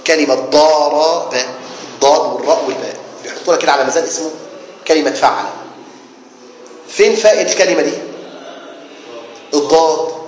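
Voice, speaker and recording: Male Egyptian sheikh, fairly high voice, asks and answers his own questions, echoey hall with faint hum. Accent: Egyptian Arabic. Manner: lively, asks the class questions and answers them himself. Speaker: sheikh teaching Islamic jurisprudence. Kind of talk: classroom lecture.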